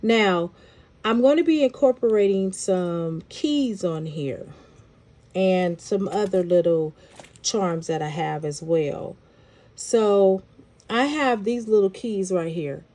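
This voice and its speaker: A woman with a medium-pitched, slightly mellow voice speaks slowly, sounding nasal and congested from a head cold. She chats casually while showing viewers how to make a necklace, thinking aloud as she works in a relaxed craft-tutorial style.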